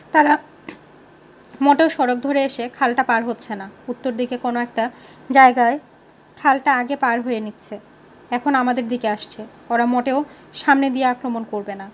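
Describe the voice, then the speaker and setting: Brief: woman narrator, fairly high voice, storybook reading, faint hiss underneath. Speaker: audiobook reader.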